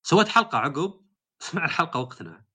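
Fast-talking bright-voiced man. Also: a little high, breathy edge. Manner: animated storytelling. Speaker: podcast host. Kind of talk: casual podcast chat.

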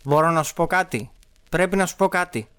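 A man's voice: fairly high pitch, fairly bright tone, clear, resonant tone, voice pushed up, close to an everyday voice. A man reading out the pleading lines of a frightened young child in a raised voice. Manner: pleading, read out from a transcript.

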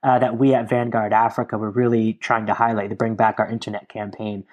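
A man's voice: lowish voice, level tone, brisk, darkish tone. Earnest American man explaining policy. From Connecticut, USA. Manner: earnest, analytical, builds long explanations. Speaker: guest, Africa democracy advocate. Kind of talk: interview conversation.

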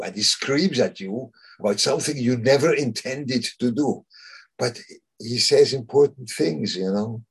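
Guy teaching torah casually, very husky voice, stops and restarts a lot. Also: mid-range voice. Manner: halting, searches for words, many restarts. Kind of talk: informal Torah talk.

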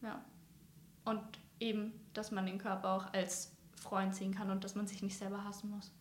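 A woman's voice: mid-range voice, level tone, normal speed. A woman, an interview guest sharing her own experience, speaking sincerely and hesitantly and often searching for words. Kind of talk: personal interview talk. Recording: roomy echo, faint background noise.

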